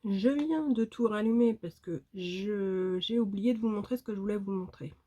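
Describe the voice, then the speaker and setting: Chatty woman with a husky, mellow voice. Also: mid-range voice, moderate pace, lo-fi sound. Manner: chatty and enthusiastic, with many fillers. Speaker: beauty vlogger. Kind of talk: casual makeup vlog chat.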